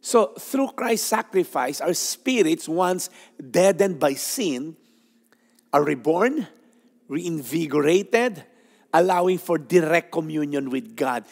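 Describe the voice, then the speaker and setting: A Filipino-accented pastor in his fifties giving an animated, emphatic devotional talk, seated on a sofa with a clip-on mic. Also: a little high, slow pace, vocal fry, in a large hall. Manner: animated, code-switching, emphatic. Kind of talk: devotional teaching. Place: studio set styled as a living room, on a sofa.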